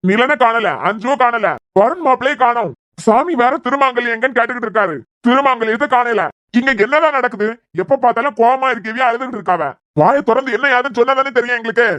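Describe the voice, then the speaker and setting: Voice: medium pitch, quick pace, a bit bright, dry recording, close to an everyday voice. A man voicing a stern middle-aged father in a cartoon series, pressing impatiently for answers in a Kanyakumari Tamil accent. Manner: impatient, demanding, pressing questions. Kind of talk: cartoon voice acting.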